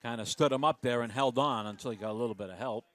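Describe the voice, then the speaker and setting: A man's voice: medium pitch, quick pace. A man giving loose, folksy color commentary on a football game, breaking down the plays with frequent fillers.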